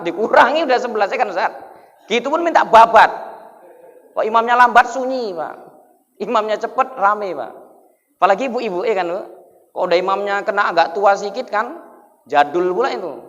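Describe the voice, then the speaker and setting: A man's voice: high voice, expressive, moderate pace, pauses often, fairly bright tone. A man giving a humorous sermon, joking and quizzing the congregation, heard in an echoey hall on a dull lo-fi recording. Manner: jokey, keeps asking the crowd questions. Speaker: Islamic preacher.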